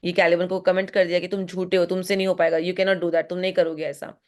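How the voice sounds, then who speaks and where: An Indian woman teaching literature, mixing Hindi and English as she goes through a play line by line and slowing to read the quoted lines aloud. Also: lowish voice, level tone, a little mellow. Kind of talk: line-by-line text explanation.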